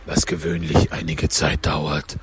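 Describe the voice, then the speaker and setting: A man voicing a gruff, boisterous male griffin in a deep, slow, rumbling voice, reading outdoors on a park bench. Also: monotone, noisy background.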